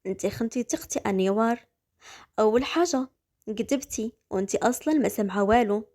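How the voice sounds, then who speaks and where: A woman's voice: fairly quick, darkish tone, lightly acted. A woman with a Moroccan accent voicing a furious, jealous young husband, angry and accusing. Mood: bitter. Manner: angry, accusing, lower-pitched.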